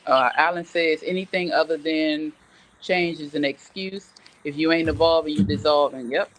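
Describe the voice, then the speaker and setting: A middle-aged woman with a low-sitting, steady voice hosts a casual live morning show at normal speed. She reads viewer comments, tells personal stories conversationally and gives frank, emphatic advice.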